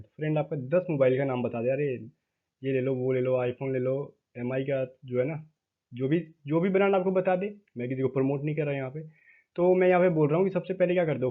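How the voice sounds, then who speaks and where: A man teaching vocabulary for exam preparation, chatty, often checking in with his viewers and spelling words out slowly letter by letter. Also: on the high side. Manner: chatty, addresses viewers as "भाई". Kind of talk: exam-prep lesson. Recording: tinny phone-like audio.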